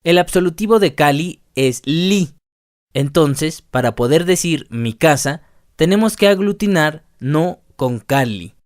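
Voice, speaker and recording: A man narrating a scripted language lesson, reading word lists slowly and deliberately. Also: fairly high pitch, animated, no echo, studio quality. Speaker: language teacher.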